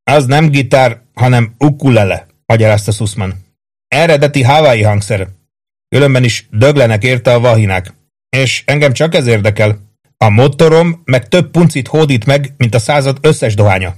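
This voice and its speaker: A surly young soldier bragging in a grumbling, matter-of-fact way, read by a male narrator. An everyday mid-pitched audiobook character voice. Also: natural voice. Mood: boastful.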